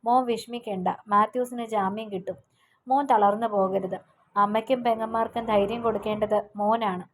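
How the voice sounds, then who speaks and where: A woman voicing a middle-aged family friend in an audio novel, calmly reassuring a young man on the phone. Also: high voice, fairly quick, a little hiss or hum.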